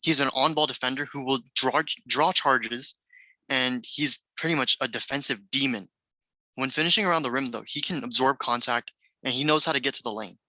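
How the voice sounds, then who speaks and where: Bright-voiced man pitching his draft pick. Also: moderate pace, dry recording, low-quality recording. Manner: enthusiastic, rattles off scouting points. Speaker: podcast co-host. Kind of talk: casual basketball draft chat.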